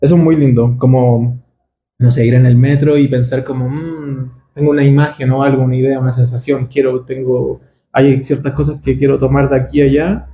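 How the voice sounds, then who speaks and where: A man from Chile thinks aloud about his craft in a hesitant, searching way, his mellow voice catching into gravelly fry. The sound is roomy and a little dull, with faint ambience behind. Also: medium pitch, level tone, a little fast, a little hiss or hum. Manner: reflective, hesitant, searching for words. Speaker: guest illustrator. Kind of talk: casual interview. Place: booth at a festival.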